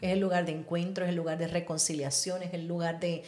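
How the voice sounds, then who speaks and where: A middle-aged woman, a pastor's wife, telling a personal testimony in an animated way and mixing in English words. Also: fairly low pitch, fast talker. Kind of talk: conversational testimony. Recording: roomy echo.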